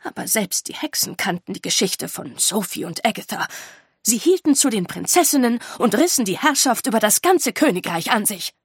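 A woman voicing a calm, grave older female teacher who explains in a measured, earnest way. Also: medium pitch, breathy edge, no echo, studio quality.

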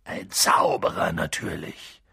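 A narrator voicing a hot-tempered giant male groundskeeper in an audiobook, gruff and booming in his outbursts. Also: level tone, slow pace, pushed and bright, no room sound, studio quality, exaggerated voice. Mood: gentle. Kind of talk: audiobook reading.

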